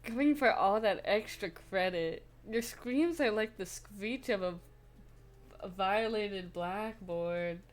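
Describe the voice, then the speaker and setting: A woman's voice: medium pitch, slow pace, close to an everyday voice. A woman voicing a spiteful, gloomy teenage girl from a game, reading her lines with a bitter, sneering manner. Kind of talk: reading game dialogue aloud.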